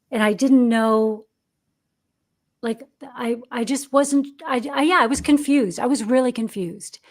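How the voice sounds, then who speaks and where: Speaking in a medium-pitched voice, an American career coach for actors in her fifties reflects openly during a podcast interview where she's the guest. She often restarts sentences and leans on filler words.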